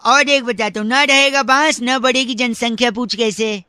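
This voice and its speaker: A man voicing a cheeky young male prank caller who teases, giggles and keeps pestering someone to speak louder. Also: very high-pitched, fairly even intonation, normal speed, smooth, no room sound, full character voice. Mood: teasing.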